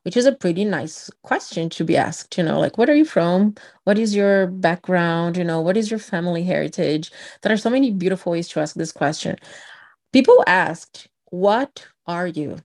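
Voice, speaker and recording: A woman from Brazil co-hosting a casual podcast, telling stories with lively quoted voices. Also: fairly low pitch, moderate pace. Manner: animated storytelling, acts out quoted people. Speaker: podcast co-host. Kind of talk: casual chat.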